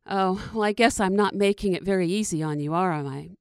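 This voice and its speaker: A woman's voice: lowish voice, fairly quick, darkish tone, clean tone, dry recording, studio quality, natural voice. A woman voicing a plain, blunt young Cinderella who talks hesitantly in a told story.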